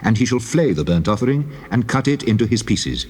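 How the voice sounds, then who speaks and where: An actor playing a solemn God who gives the law in measured, stately commands in a scripture drama. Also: male voice, medium pitch, sing-song, darkish tone, breathy edge. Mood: louder, commanding. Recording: long cavernous reverb on voice.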